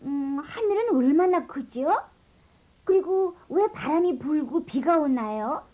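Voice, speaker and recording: A woman voicing a bold, kind, curious young boy in an animated storybook, asking eager childlike questions. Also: high-pitched, measured pace. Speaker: voice actor for the child lead.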